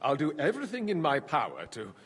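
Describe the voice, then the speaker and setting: Anxious town councillor, game drama. Raspy, apologetic, in a long echoing hall. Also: male voice, on the high side, wildly swooping pitch, fast talker, a bit bright, exaggerated voice. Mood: anxious, pleading.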